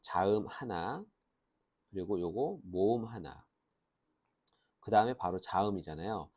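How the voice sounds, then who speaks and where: A man with a low voice teaches a grammar class. His pitch rises and falls a lot as he lays out each rule step by step, and he answers the questions he puts to himself. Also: a little mellow. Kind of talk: lecture.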